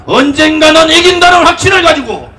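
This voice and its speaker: A man's voice: very high-pitched, expressive, fairly quick. A man giving a roaring rallying speech as a political leader, driving home short repeated slogans at an outdoor street rally. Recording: distant PA at noisy rally, loud music. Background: crowd and loud music.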